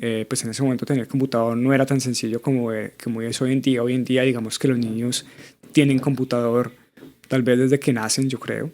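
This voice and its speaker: Here a Colombian guest in his thirties, with a Bogotá accent, talks in a conversational interview. His medium-pitched voice is a little mellow, moves little in pitch, and runs slightly fast, and his considered answers carry many small fillers.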